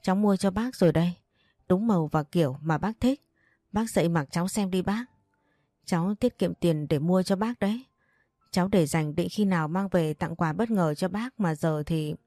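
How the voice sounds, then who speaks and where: A woman's voice: on the low side, moderate pace, dark tone, no room sound, clean studio sound, close to an everyday voice. Woman voicing a tearful, grieving young woman. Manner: pleading, sobbing.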